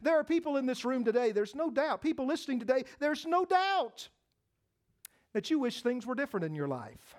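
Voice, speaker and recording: Impassioned high-voiced male preacher. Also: animated, quick pace, few pauses. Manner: impassioned, swings from hushed to shouting. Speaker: pastor. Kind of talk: sermon. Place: church.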